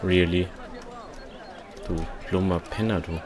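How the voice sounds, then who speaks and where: Very low-voiced man grumbling through a game. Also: fairly even intonation, slow, crowd noise. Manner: slangy, grumbling, swearing. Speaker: let's play gamer. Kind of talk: casual gameplay commentary.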